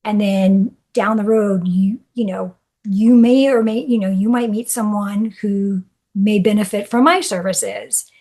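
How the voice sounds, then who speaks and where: A woman's voice: mid-range voice, steady tone, measured pace, mellow. A woman guest in a casual interview, talking earnestly and encouragingly, with frequent fillers. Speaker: interview guest, law association chapter director.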